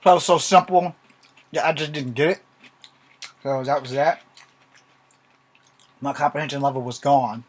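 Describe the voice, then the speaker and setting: A man's voice: medium pitch, steady tone, moderate pace, long pauses. A man talking casually in a rambling vlog, blunt and informal, swearing freely as he gives martial arts advice. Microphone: filming from a laptop.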